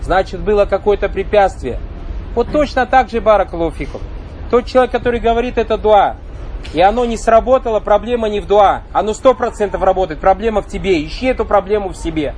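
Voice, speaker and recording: A man with a fairly high voice delivers a religious lecture calmly and deliberately, explaining each point with patience, pausing on rhetorical questions for his listeners, and reciting short phrases. The recording is low quality, with a faint hum of noise behind him.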